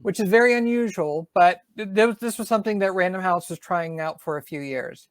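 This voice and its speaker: A middle-aged Georgia author with a faint Southern lilt chats as a guest in an informal interview, reflective yet full of fillers and restarts. She speaks briskly in a lowish voice, with no room sound.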